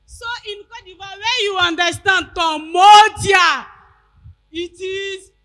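A woman's voice: very high-pitched, slow, fairly bright tone, shouting. A young woman from Côte d'Ivoire with an Ivorian French accent, doing stand-up on stage with a handheld mic, playing up broken English with dramatic outbursts. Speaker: stand-up comedian. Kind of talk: stand-up comedy. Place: large tented event hall, on stage.

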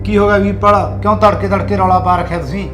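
A man's voice: sits high, fairly even intonation, quick pace, a bit bright, faint music behind. A man with a Punjabi accent playing an impatient husband in a family skit, giving orders. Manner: impatient and commanding.

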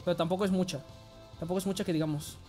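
A man with a Mexican accent giving excitable live gameplay commentary, swearing and often yelling. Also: sits high, racing, soft background music. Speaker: game streamer.

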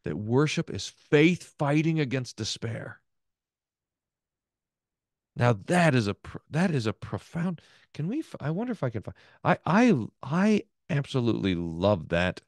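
Middle-aged male pastor, Bible class, lively and thinking aloud, dry close sound. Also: mid-range voice, a little slow, long pauses, dry recording. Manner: lively, repeats words and restarts while thinking aloud. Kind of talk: Bible class teaching, reading aloud and explaining.

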